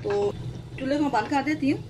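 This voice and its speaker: Calm woman narrating a home recipe. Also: high voice, brisk, background noise. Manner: calm, steady instructions with frequent religious blessings. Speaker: cooking channel host. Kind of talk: step-by-step cooking voice-over. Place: home kitchen.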